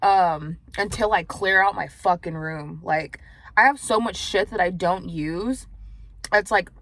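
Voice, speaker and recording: A woman's voice: mid-range voice, fairly bright tone, dry recording. Young woman, food vlogger, casual slangy chat, profane, near-whispers, parked car. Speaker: mukbang vlogger. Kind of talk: casual chat while eating.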